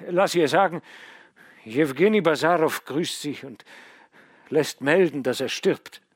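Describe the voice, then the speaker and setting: A man's voice: fairly high pitch, measured pace, husky, no echo, clean studio sound, voice pushed up. A man voicing a feverish, sardonic dying young man. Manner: weary, clipped and mocking.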